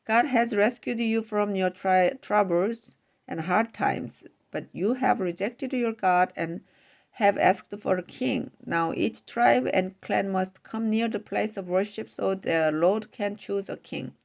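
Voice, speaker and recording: A woman reading the words of an old male prophet to a crowd, slow and measured. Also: mid-range voice, gravelly. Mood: solemn.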